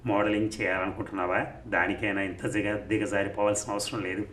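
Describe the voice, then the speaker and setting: An earnest, protective young man from an audio storybook, as a male reader voices him. He speaks plainly and directly, in a low voice. There is a roomy echo and a faint hiss. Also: level tone, a little fast, a bit bright, natural voice. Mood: reproachful. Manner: direct, reassuring. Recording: roomy recording, faint noise.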